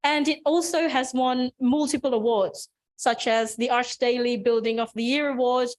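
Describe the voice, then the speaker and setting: High-voiced female moderator on a video call; upbeat, encouraging intro with occasional ums. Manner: enthusiastic, encouraging, with fillers. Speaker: seminar moderator. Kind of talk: formal introduction of a speaker.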